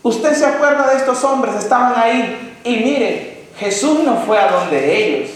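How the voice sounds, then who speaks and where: High-voiced preaching man in echoey hall. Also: animated, a little slow. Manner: impassioned, rhetorical questions to the congregation. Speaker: pastor. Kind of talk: sermon. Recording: very echoey hall with faint noise.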